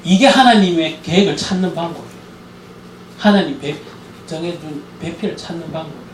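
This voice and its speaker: A man's voice: high voice, roomy sound, distant mic, a little hiss or hum, rough recording. A man giving a church lecture on marriage and parenting, telling stories and acting out the dialogue. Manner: animated storytelling, acting out quoted dialogue.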